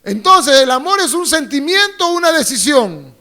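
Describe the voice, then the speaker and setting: A man's voice: very high-pitched, big pitch swings, normal speed, sharp tone. A pastor preaching a sermon to his congregation. He preaches with fervor, gets the congregation to repeat phrases after him and throws in joking asides. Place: church.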